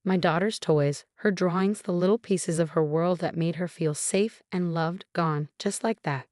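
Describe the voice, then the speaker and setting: A woman narrating a first-person story in a steady, even storytelling manner. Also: on the low side, moderate pace, no room sound, clean studio sound.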